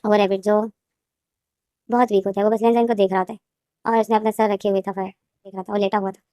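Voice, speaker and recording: A woman's voice: mid-range voice, level tone, quick pace, warm tone, no room sound, studio quality. A woman retelling her own fan fiction story in a casual, rambling way, often repeating and restarting. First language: Hindi. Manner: rambling, repetitive.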